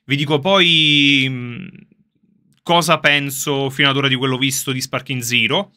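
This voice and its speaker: A man chatting casually to his viewers on a livestream from a soundproofed underground gaming room, excitable and quick to laugh. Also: mid-range voice. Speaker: streamer reacting live to a game reveal. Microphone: streaming setup with facecam.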